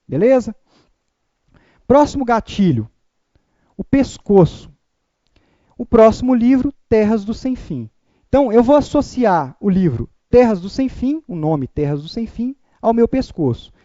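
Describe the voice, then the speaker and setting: A man's voice: sits high, dark tone, dry recording, dull audio. A man teaching a memorization lesson, upbeat and chatty, leading the listeners through call-and-repeat drills.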